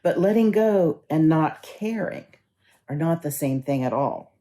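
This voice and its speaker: Woman minister, low and mellow voice, easygoing storyteller's sermon delivery. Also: lively intonation, measured pace. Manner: conversational storytelling, gently instructive.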